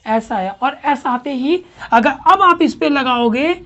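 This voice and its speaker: Woman teacher, high voice, quizzing her class often; dull lo-fi recording. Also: animated, slow, a bit bright. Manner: questioning, checks understanding often. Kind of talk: classroom grammar lesson.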